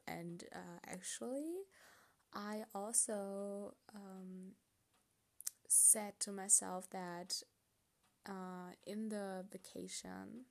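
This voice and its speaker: Slow, gravelly young German woman. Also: mid-range voice. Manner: hesitant, rambling, laughs often, many fillers. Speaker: podcast host. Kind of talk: casual solo podcast talk.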